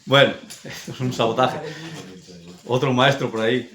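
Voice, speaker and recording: A man's voice: medium pitch, level tone, moderate pace, fairly bright tone. A man from preaching a sermon, emphatic and repetitive, often checking in with his listeners. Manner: emphatic, repetitive, frequent tag questions. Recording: echoey church hall.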